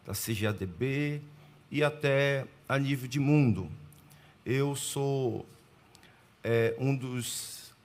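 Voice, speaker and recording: A man from Pernambuco, Brazil, preaching as a guest at a church, greeting the congregation and reading scripture in a formal, deliberate way with measured pauses. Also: mid-range voice. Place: church sanctuary.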